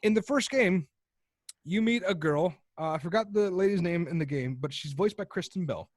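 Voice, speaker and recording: A man's voice: high voice, lively intonation, brisk, no echo, studio quality. A man co-hosting a casual podcast chat, rambling and swearing as he tells a story and acts out the people in it. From United States. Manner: rambling, profane storyteller who acts out quoted characters. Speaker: podcast co-host.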